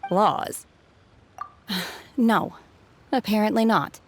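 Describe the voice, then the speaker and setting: A woman playing Shenhe, an aloof, blunt young mountain hermit, speaking in a solemn, measured, formal manner in a video game cutscene. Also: mid-range voice, noisy background. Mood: aloof, matter-of-fact.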